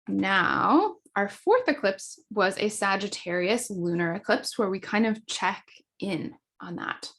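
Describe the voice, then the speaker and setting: A woman astrologer giving a casual explanatory talk, quick and chatty, with fillers and self-corrections. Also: medium pitch, expressive, fairly bright tone. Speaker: astrologer teaching a class.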